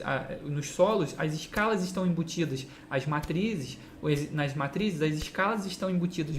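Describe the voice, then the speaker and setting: A man with a Brazilian Portuguese accent giving a direct-to-camera guitar lesson, often checking in with the listener through quick rhetorical questions. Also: on the high side, fairly bright tone, a little hiss or hum. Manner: explains with repeated "entende?" and quick rhetorical asides. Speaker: guitar teacher.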